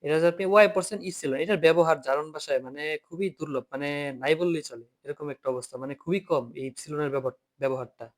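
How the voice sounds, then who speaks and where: A man's voice: on the high side, fast. A man teaching an online German class by video call, patiently repeating each point and asking students to read aloud.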